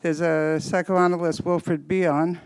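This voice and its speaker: A man psychotherapist commenting on a panel, thoughtful and measured, slightly out of breath. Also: a little high, little pitch movement, clear, resonant tone, no echo, rough recording. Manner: thoughtful, measured, cites theory.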